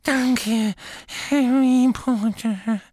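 Brief: a tiny devoted elf, very high squeak, drawn-out emphatic words, dry close recording. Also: male voice, fairly even intonation, darkish tone, dry recording, full character voice. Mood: eager. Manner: talks of himself by name, slow and emphatic. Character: small male house-elf, eager, loyal, excitable.

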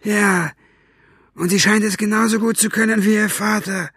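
A man's voice: high-pitched, fairly even intonation, moderate pace, a bit bright, breathy edge, no echo, studio quality, voice pushed up. A man voicing a coarse, irritable henchman in a raised, grumbling voice.

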